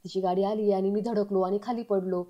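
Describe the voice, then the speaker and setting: A woman's voice: medium pitch, fairly even intonation, a little fast, highs cut off, natural voice. Boastful fibbing man, as a woman reads him. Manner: bragging, evasive. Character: boastful middle-aged man feigning head injury.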